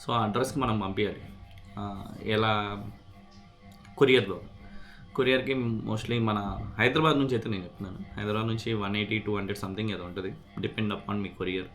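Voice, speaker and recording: Soft background music accompanies a man with a fairly low, steady voice as he casually explains a product repair and unboxes it in his vlog. He talks at a moderate pace, pausing often and sprinkling in English words, and the sound is a bit bright.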